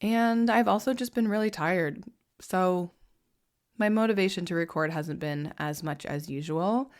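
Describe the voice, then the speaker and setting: Soft-spoken woman hosting a podcast. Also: on the low side. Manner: soft, unhurried, reassuring. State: hoarse after a cold. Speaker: podcast host and mentor. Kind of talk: gentle podcast monologue.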